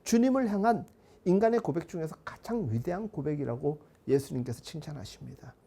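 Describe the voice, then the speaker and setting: A male pastor giving a sermon in a measured, earnest manner, asking his congregation rhetorical questions. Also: a little high, expressive, vocal fry, warm tone, slightly rough.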